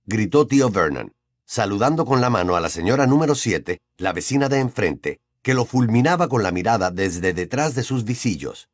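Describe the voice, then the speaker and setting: Expressive male audiobook narrator. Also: on the low side, moderate pace, no room sound. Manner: expressive storytelling. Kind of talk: scripted narration.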